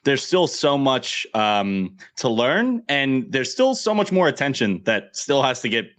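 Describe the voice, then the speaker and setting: A man with a New Jersey accent hosts a casual tech livestream from a video call. His pitch swings all over as he jokes around and hypes up the next guest. He is playful and quick to banter. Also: sing-song, a bit bright. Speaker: livestream host.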